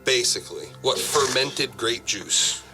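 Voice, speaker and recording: A man's voice: mid-range voice, expressive, unhurried, over music, rough recording. A man co-hosting a casual show, reading news aloud in a laid-back way and tripping over words. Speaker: podcast co-host reading news. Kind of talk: casual chat.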